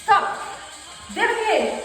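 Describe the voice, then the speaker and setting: A woman leading a workout class as a fitness coach, energetic, pushing and encouraging, counting reps. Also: extremely high pitch, extremely slow. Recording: very echoey hall with music.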